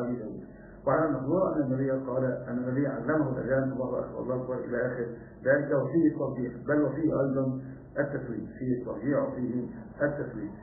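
Man, religious lesson, chants phrases slowly, echoey room, distant from mic. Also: mid-range voice, slight background noise. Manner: frequent throat clearing and fillers. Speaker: religious teacher. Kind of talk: hadith lesson. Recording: echoey, distant, phone-like lo-fi audio.

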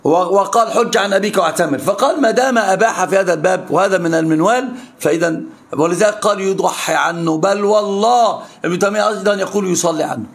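This is a high-pitched, quick-paced male voice: an Egyptian-accented Islamic scholar leading students through an interactive religious lesson. Repeated questions are how he pushes his class.

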